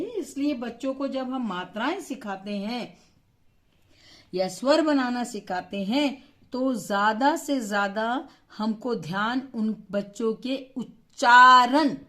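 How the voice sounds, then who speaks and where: A woman's voice: on the high side, a bit bright. A woman teaching how to write and pronounce vowels, asking questions and answering them herself, and stretching the sounds to show them. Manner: slow, patient, asks questions then answers them; stretches vowels to model pronunciation. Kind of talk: instructional lesson.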